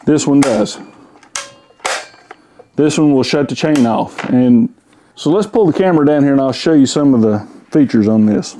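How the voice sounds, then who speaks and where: Folksy man, mellow voice. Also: mid-range voice, animated, slight background noise. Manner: folksy, rambling, pauses with fillers. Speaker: tool reviewer. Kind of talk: casual product review. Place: home garage. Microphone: camera-mounted mic.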